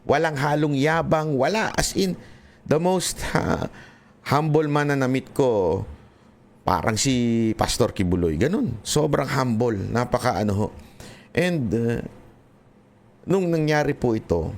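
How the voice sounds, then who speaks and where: A man's voice: mid-range voice, expressive, unhurried, long pauses. A man from the Philippines giving earnest commentary to his viewers, talking to them directly, slipping between Tagalog and English with frequent restarts. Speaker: political vlogger. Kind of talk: impassioned commentary vlog.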